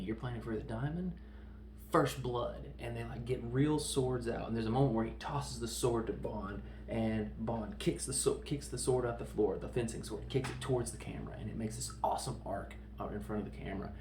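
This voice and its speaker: A man hosting a podcast, giving a casual, opinionated film review and mocking people with quick put-on voices. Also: fairly low pitch, a little mellow. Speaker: podcast host reviewing films. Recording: echoey room with faint background noise.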